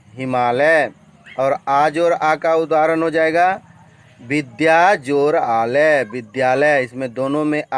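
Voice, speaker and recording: A man teaching a grammar lesson with a Bihari Hindi accent, slow and deliberate, drawing out each example and repeating his points. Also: on the high side, smooth.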